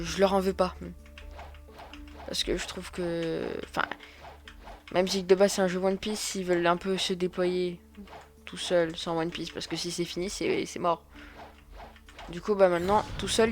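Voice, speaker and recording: A man giving excitable, chatty let's play commentary, often repeating words as he plays. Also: high-pitched. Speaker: gaming video creator.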